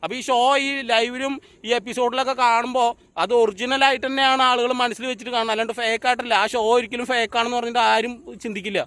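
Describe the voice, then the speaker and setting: A man's voice: very high voice, fairly even intonation, quick pace, bright, forceful tone, clear, resonant tone, no echo. A man giving a blunt, outspoken review of a reality show to his channel's viewers, circling back over the same points. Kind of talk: casual spoken review monologue.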